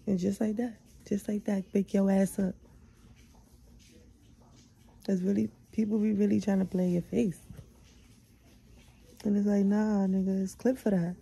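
A young woman talks straight to her listeners in a loose, candid solo podcast, swearing freely and hyping herself up. Her voice is very dark and gravelly, with a husky edge and plenty of vocal fry. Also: mid-range voice, little pitch movement, moderate pace, poor audio. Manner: chatty, candid, profane, self-affirming. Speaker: podcast host. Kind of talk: casual solo vlog chat.

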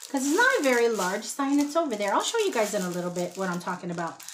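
A woman's voice: fairly high pitch, very animated, fast, noisy background. Chatty woman showing her haul. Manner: chatty, rambling, self-deprecating asides. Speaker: haul vlogger. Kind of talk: casual haul chat to camera. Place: small home room with shelves, indoors.

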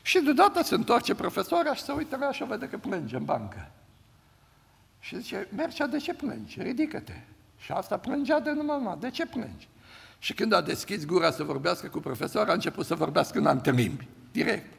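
An older man, a pastor from the of Romania, preaching and telling stories, his voice swinging from loud to hushed. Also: sits high, sing-song, creaky, husky. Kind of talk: sermon. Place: large church hall. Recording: church hall reverb.

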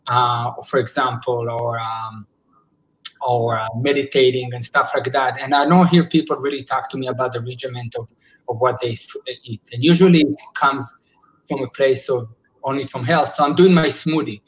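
This earnest psychologist, a man in his forties, speaks on a casual video call from indoors at home through his laptop webcam. His voice is medium-pitched and fairly even, at a moderate pace, and he frequently starts sentences over while looking for the right words. Audio quality is rough.

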